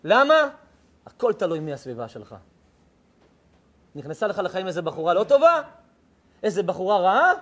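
A man's voice: high voice, sing-song, long pauses. A man, a rabbi, giving a sermon with emphatic, punchy repetition.

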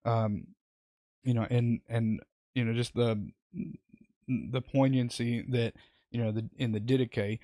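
A man's voice: mid-range voice, steady tone, slow, long pauses, mellow, no room sound. A man hosting a live, unscripted Bible study, rambling with many fillers and restarts as he comments on scripture.

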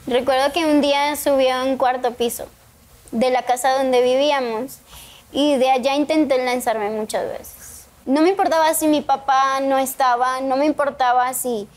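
High-voiced woman telling her testimony. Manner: earnest, emotional storytelling. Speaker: interview guest sharing her testimony. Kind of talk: personal faith testimony. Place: TV studio.

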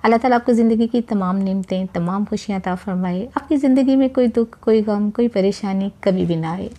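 In a voice-over where she is never seen, a woman with a medium-pitched, slightly fast voice hosts a cooking channel and talks viewers through a recipe. She is warm and chatty, repeating religious blessings as she cooks and encouraging her audience directly.

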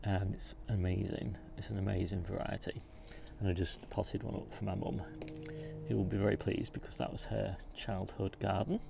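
Man, low and gravelly, relaxed outdoor garden-tour host, faint background noise. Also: moderate pace. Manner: relaxed, informative, pointing things out as he walks. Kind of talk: casual garden tour walkthrough. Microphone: handheld phone camera.

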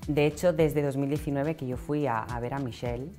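A Catalan woman in her 20s, a pageant winner, answers interview questions earnestly and reflectively in a small indoor TV studio, repeating words as she searches for them. Her voice is extremely low-pitched and steady, fairly quick, recorded on a lapel mic over music.

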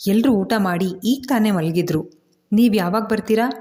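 A woman's voice: medium pitch, moderate pace, a little mellow, pitched above the performer's own voice, natural voice. A woman voicing a frightened young wife who asks anxious, pleading questions. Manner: pleading, breathless worried questions.

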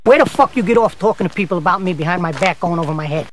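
Quick, menacing tough guy, swearing threats. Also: sits high, a little hiss or hum.

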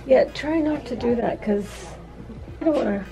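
Higher-voiced female dental nurse. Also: normal speed, vocal fry, mellow, rough recording. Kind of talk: casual patient aftercare instructions. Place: small clinic room. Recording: camera audio with music over it.

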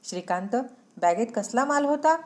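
A woman voicing a betrayed young woman in a storybook reading, speaking high and accusing. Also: big pitch swings, moderate pace, a little mellow. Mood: furious.

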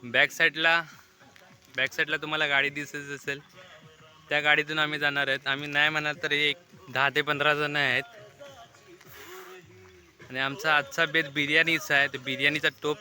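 A man's voice: a little high, little pitch movement, normal speed, pauses often, bright, forceful tone. A man, narrating a casual travel vlog recorded outdoors on a phone camera. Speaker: vlogger. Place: outdoors in a village.

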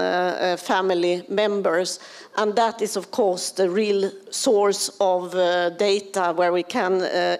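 Woman on a conference panel, talks slow and careful, handheld mic on a big stage. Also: mid-range voice, a little mellow. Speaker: panelist, company CEO. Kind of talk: panel discussion. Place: conference stage in a large hall. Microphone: handheld microphone.

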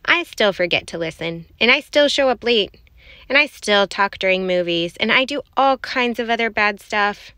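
A woman gives an expressive picture book read-aloud, now and then falling to a soft whisper for an aside. Her voice is bright and clear, and the recording is dry and close with no room sound. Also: medium pitch, no room sound. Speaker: children's book reader.

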